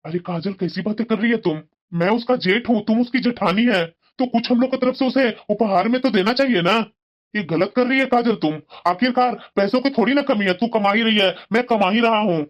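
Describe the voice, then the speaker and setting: A woman voicing a calm, reasonable middle-aged husband in a cartoon, gently reproachful. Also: on the high side, brisk, close to an everyday voice. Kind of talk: cartoon voice acting. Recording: dull lo-fi sound.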